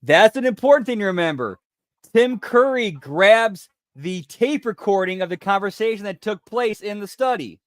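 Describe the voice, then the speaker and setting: A man's voice: high-pitched, expressive, moderate pace, no echo, clean studio sound. A man commenting casually on a film as a reaction host, in informal, slangy speech. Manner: informal, slangy, often says dude and pal.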